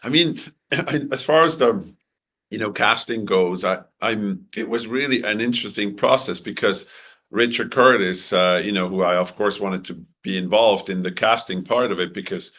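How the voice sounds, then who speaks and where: Answering an interviewer with many halts and restarts, a film director from Switzerland keeps clearing his throat as his voice gives out. He speaks on the low side with a sharp tone.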